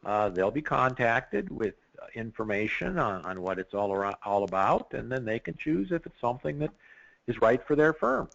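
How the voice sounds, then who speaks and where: A consultant explains his field with plenty of enthusiasm and a gravelly edge to his voice. His pitch swings widely as he talks, and he keeps stopping and starting his sentences. The man's voice comes through dull lo-fi audio. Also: normal speed. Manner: animated, excitable, many restarts. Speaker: risk management consultant. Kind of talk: podcast interview.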